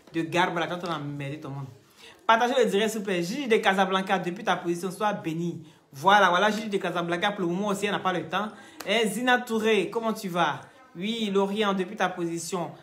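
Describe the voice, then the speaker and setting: A woman hosting a live stream, teasing and scolding commenters in a chatty way and pitching products to viewers. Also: a bit bright. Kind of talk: casual live-stream chat and sales pitch.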